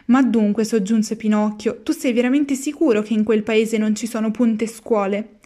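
A woman's voice: on the high side, fairly even intonation, moderate pace, warm tone, natural voice. A woman voicing an eager wooden puppet boy who is easily tempted, asking wistful questions. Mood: curious.

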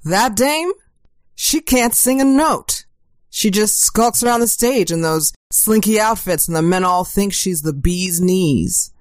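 A woman's voice: mid-range voice, expressive, unhurried, dry recording, pitched below the performer's own voice, natural voice. A woman voicing a sassy, catty 1940s private eye's secretary in a slangy detective radio parody. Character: sassy 1940s gumshoe's female sidekick, catty.

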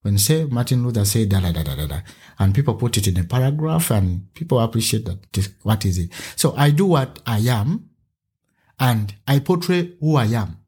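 Man from Uganda, husky voice, lively storytelling guest. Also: fairly quick. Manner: animated storyteller, acts out a child's voice with a higher pitch. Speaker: teacher and podcast guest. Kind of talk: conversational interview.

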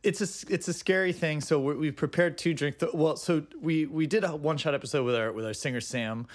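A man's voice: fairly high pitch, a little fast. A man co-hosting a podcast about drinks and music, chatting casually and enthusiastically about a favorite movie. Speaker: podcast co-host.

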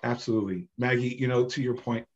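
Male podcast guest, husky tone, slightly muffled recording, emphatic and animated delivery. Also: mid-range voice, quick pace. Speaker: podcast guest, business systems founder. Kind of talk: conversational podcast interview.

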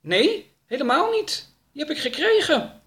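A man voicing a naive, gentle traveller in a storybook reading, earnest and innocent. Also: very high voice, sing-song, unhurried, pitched above the performer's own voice, full character voice.

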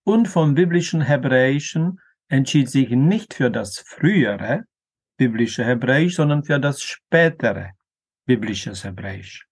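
A man explaining grammar in a careful lecture, pronouncing example words slowly and deliberately, with an occasional filler. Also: medium pitch, lively intonation, slightly rough. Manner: slow, deliberate, careful pronunciation of Hebrew terms. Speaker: language teacher.

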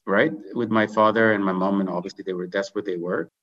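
A middle-aged insurance executive who grew up in Dubai and Canada appears as a podcast guest, telling his story conversationally and often adding "right?". His voice sits lowish, with fairly even intonation and a quick pace, and the recording has its highs cut off.

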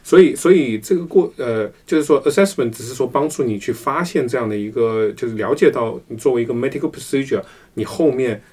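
A man's voice: mid-range voice, fairly quick, hardly any pauses, a little mellow, husky. Man patiently explaining in conversation. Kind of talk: casual podcast discussion.

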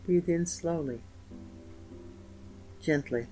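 A man narrating a scripted guided meditation in a slow, gentle, soothing manner with pauses. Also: on the high side. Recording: voice over meditation music. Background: soft instrumental music with guitar.

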